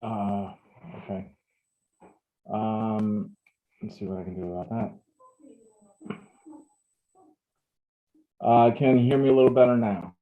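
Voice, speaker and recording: A man's voice: fairly low pitch, steady tone, slow pace, long pauses, phone-quality sound. A male architect speaking on a video call whose audio cuts in and out, hesitant and repeatedly checking whether he can be heard. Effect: video call audio cutting in and out. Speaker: architect presenting to a town board. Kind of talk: remote meeting presentation.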